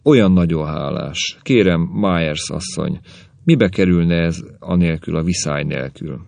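A man's voice: deep voice, creaky, darkish tone, no room sound. A man reading aloud, voicing a timid, wide-eyed young woman who stammers eagerly. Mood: grateful.

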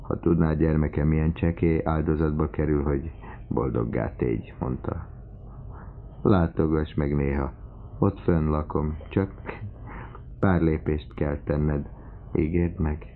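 A man voicing an elderly doting father, effusive, loud and emotional, in an audiobook reading. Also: rumbling low, fairly even intonation, pauses often, a little hiss or hum. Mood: tender. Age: older. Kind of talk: audiobook character voice. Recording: tinny phone-like lo-fi recording.

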